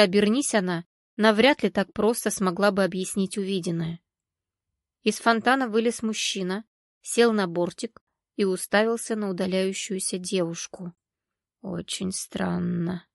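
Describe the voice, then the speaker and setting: A woman narrating an audiobook in an even, measured storytelling manner. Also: medium pitch, dry recording, studio quality. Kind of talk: scripted narration.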